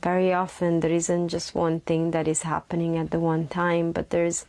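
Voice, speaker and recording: A soothing meditation guide speaks in a lowish, monotone voice that is soft and breathy at times. She moves unhurriedly, with long pauses and repeated phrases, and the recording has no room sound.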